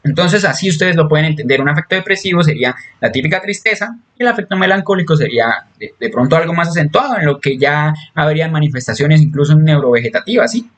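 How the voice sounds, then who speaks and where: A man's voice: on the high side, animated, fast talker, hardly any pauses, a bit bright. A man giving a recorded psychology class, explaining step by step with fillers, restarts and frequent "¿sí?" check-ins. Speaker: psychology lecturer.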